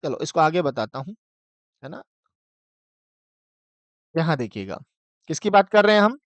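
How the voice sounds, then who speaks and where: Male lecturer, high crisp voice, dry close sound, quizzing style. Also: very animated, no room sound. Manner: chants verses slowly, asks and answers own questions. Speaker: teacher. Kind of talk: exam-prep lecture.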